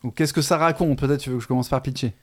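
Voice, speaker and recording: A man co-hosts a relaxed discussion about books. He talks in a chatty, halting way, often pausing and restarting his sentences. His voice sits at an ordinary middle pitch. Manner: hesitant, many fillers and restarts, chatty. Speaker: podcast co-host. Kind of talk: casual literary discussion.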